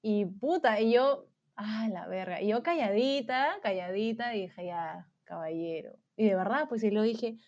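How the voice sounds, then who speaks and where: A woman tells a story in a casual chat. She talks in an animated way, full of slang and fillers, in a slightly high voice. The recording sounds dull and lo-fi. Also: a little slow.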